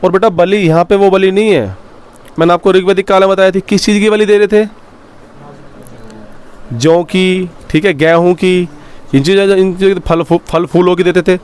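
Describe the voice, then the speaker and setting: A male teacher giving a dictation-style history lecture, slowly repeating phrases so students can write them down and addressing them warmly as children. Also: high-pitched, fairly even intonation, clean tone.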